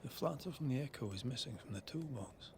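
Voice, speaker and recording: A stern, guarded ghost hunter played by a man in a game drama. He is terse and measured at a middling pitch, over faint ambience. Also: lively intonation, darkish tone, close to an everyday voice. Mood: watchful, grim. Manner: terse, measured, matter-of-fact. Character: stern, composed male ghost hunter, guarded but helpful. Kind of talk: dramatic video game voice acting. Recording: faint ambient noise behind.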